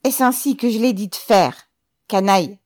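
A woman's voice: medium pitch, slow pace, no room sound, studio quality, voice pushed up. A woman voicing a cold, brutal middle-aged police commissioner who barks contemptuous commands in an audiobook. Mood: barking, furious.

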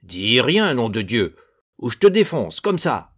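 A man's voice: mid-range voice, big pitch swings, takes it slowly, darkish tone. A man voicing a brawny, furious fisherman who bellows curses and threats. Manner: bellowing and cursing.

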